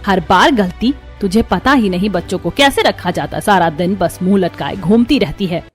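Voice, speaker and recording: A woman's voice: mid-range voice, normal speed, natural voice. Woman doing a harsh old grandma, scolds a lot, faint music behind. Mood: scolding. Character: stern older grandmother, sharp-tongued. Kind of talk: scripted audio story.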